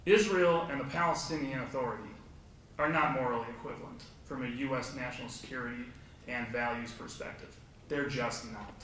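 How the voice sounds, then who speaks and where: A man's voice: medium pitch, slight background noise. Emphatic man speaking from far off in an echoey hall. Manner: forceful, sarcastic, emphatic. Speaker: panelist. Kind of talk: panel discussion argument. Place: conference hall.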